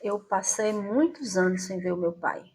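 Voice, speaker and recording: A woman's voice: mid-range voice, animated, moderate pace, darkish tone, slight background noise. A woman in her fifties from Brazil, the host of her channel, telling a personal story in a reflective, conversational way and often asking "né?".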